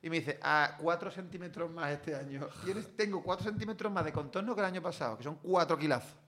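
A man in his forties from Cádiz with an Andalusian accent, chatting jokily as the interviewee in a relaxed group talk. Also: a little high, brisk. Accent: Andalusian Spanish, from Cádiz. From Cádiz, Spain. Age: 40s. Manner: chatty, jokey, laughs often. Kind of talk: casual chat.

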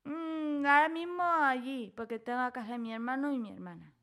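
A woman's voice: high-pitched, a little fast, a bit bright. A woman in her twenties from Spain, a guest on a casual radio interview, answering in short, hesitant replies. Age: 20s.

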